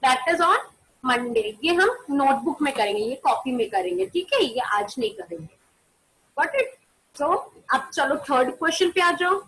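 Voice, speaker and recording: High-voiced teacher woman, online maths class. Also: big pitch swings, unhurried, fairly bright tone, rough recording. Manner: mixes Hindi and English, asks pupils questions and answers them herself; calls pupils by name to turn on their cameras. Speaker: primary school maths teacher. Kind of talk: online class on a video call.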